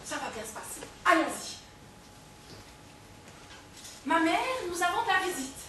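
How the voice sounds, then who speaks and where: An actress playing a scheming, quick-witted novice nun with a lively, playful manner. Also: female voice, very high voice, far from the mic, heavily acted. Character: scheming, fast-talking young novice nun. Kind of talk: stage comedy acting. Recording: echoey stage heard from afar, faint noise.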